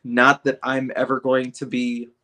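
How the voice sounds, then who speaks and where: A man's voice: mid-range voice, monotone, unhurried, bright, forceful tone. A man hosting a podcast, talking casually and at length with his guest, with many restarts. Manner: friendly, talkative, many restarts. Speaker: podcast host. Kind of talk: casual interview talk.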